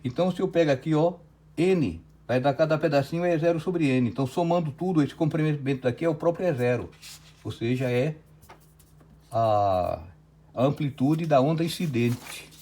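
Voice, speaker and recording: Pitched on the high side with a dark tone, a man speaks at normal speed while teaching physics online in a Brazilian Portuguese accent. He works a problem through in steps, punctuating it with frequent "certo?" checks.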